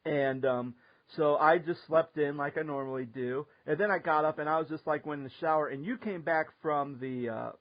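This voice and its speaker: A man hosting a podcast, telling stories in a lively, casual way and often laughing. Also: fairly high pitch, normal speed, highs cut off. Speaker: podcast host. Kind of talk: casual storytelling chat.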